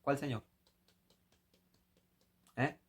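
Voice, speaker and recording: A man with a Rioplatense Spanish accent preaching a critical sermon commentary, scolding and rising to impassioned shouts. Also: extremely slow.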